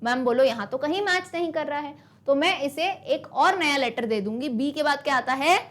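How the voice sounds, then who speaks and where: High-voiced brisk woman teacher. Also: lively intonation, fairly bright tone. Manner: brisk, encouraging, calls students "beta"; switches between Hindi and English, reads English lines slowly. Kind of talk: online exam-prep lesson.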